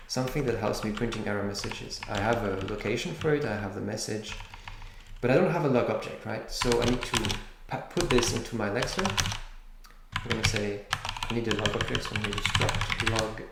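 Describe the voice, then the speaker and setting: A man walks through code in a live tutorial, thinking aloud and catching his own slips as he types. His voice has a gravelly edge, and the room is echoey. Loud keyboard clatter runs underneath. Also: on the low side, fairly quick, heavy background noise. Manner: thinks aloud while typing, self-correcting. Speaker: programming tutor. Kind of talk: live-coding tutorial narration. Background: keyboard typing and clicks.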